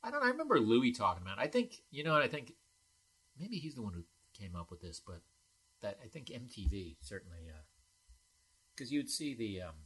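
Husky comic man with swooping, lively pitch. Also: a little fast, rough recording. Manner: wry, acts out imagined exchanges. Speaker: stand-up comedian. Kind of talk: casual chat.

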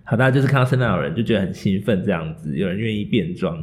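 With a Taiwanese Mandarin accent, a man tells a story during a casual podcast chat, speaking very fast in a lowish voice with lively intonation. He's playful and joking, acting out quoted lines and slipping in puns.

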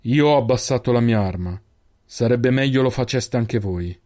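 A man voicing a huge armed leader who speaks slowly and with control. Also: mid-range voice, a little mellow, natural voice. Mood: controlled. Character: huge armed male leader, low and powerful.

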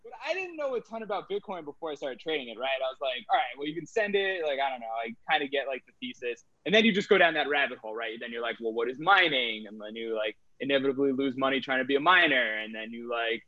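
A man speaks in a relaxed, meandering way, piling up filler words as he goes. His voice sits at a middling pitch and sounds dry and a little dull, as if recorded with a modest setup. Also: fast talker, hardly any pauses, dry recording. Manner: rambling, heavy use of filler "like". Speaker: guest, crypto trader. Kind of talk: casual interview talk.

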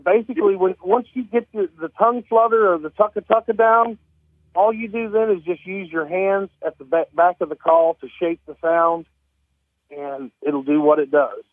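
Higher-pitched man on a phone line. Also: fairly even intonation, moderate pace, no room sound. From Missouri, US. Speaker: guest, game call maker. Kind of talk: interview chat, explaining. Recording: thin telephone line.

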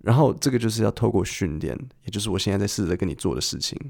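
Rapid-fire and expressive, a man with a fairly low, creaky, slightly mellow voice hosts a podcast listening lesson as an English listening teacher. He talks conversationally, explaining with patience and putting questions to the listener.

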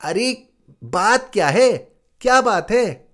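A man's voice: high-pitched, big pitch swings, slow pace, pitched above the performer's own voice, full character voice. A man voicing a middle-aged aunt who fusses over her nephew in a raised, concerned voice. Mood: fussing.

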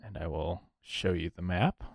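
Man, game master narrating a tabletop game, slow halting delivery, dry close sound. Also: low voice, gravelly, dry recording. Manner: halting, filler-heavy narration.

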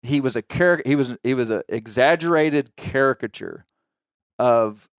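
A man with an Arkansas Ozark Southern accent, hosting a podcast and telling stories in a relaxed, musing chat. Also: mid-range voice, unhurried, smooth, no room sound, studio quality. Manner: storytelling, musing aloud. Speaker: podcast host.

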